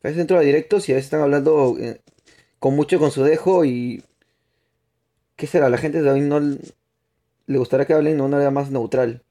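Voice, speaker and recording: Here a young man with a slightly high, mellow voice speaks fairly fast but pauses a lot. He's livestreaming a game in an affected Spain Spanish accent, bantering with the chat and circling back to restart his rambling explanations.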